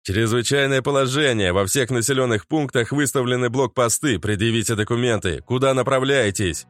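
A man's voice: mid-range voice, a little fast, no room sound, pitched below the performer's own voice, natural voice. A man voicing a curt soldier at a checkpoint in an audiobook, speaking in a clipped, official way.

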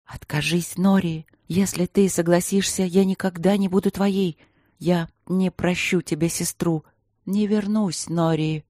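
A woman's voice: on the low side, steady tone, unhurried, warm tone, dry recording, clean studio sound. A woman voicing a proud, fiery young princess who speaks in an impassioned way. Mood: furious. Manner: pleading, impassioned.

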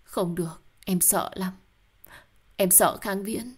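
A woman's voice: mid-range voice, takes it slowly, husky. A woman voicing a distraught young mother who pleads and cries out for her son in a storybook reading. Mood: pleading.

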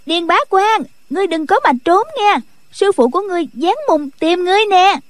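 A woman's voice: high-pitched, lively intonation, a little fast, no echo. A woman voicing a mischievous young girl who teases and bosses others in a martial-arts audiobook. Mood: teasing. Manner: playful and bossy.

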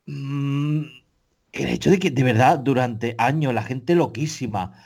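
A man's voice: mid-range voice, a little slow, creaky, a little mellow, slightly rough. A man, a podcast co-host ranting in casual chat, profane and exasperated, full of restarts.

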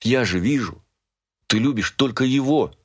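A man voicing a despairing young son who speaks quietly, tired and resigned, read as an audiobook character. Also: mid-range voice, animated, moderate pace, breathy edge, voice pushed up. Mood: hurt.

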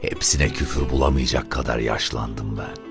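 Very deep-voiced male story narrator. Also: steady tone, vocal fry, loud music behind the voice. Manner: deliberate, descriptive reading. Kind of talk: literary story reading.

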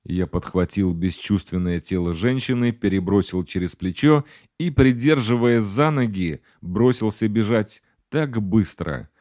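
Slow, low-voiced male audiobook narrator. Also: lively intonation, darkish tone, no room sound, clean studio sound. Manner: dramatic, measured storytelling. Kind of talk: first-person audiobook narration.

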